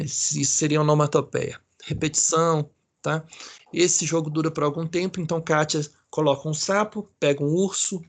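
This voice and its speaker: Chatty Brazilian male teacher, higher voice. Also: gravelly. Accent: Brazilian Portuguese. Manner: casual, many fillers, checks in with students. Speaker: psychology lecturer. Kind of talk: online class reading a case aloud.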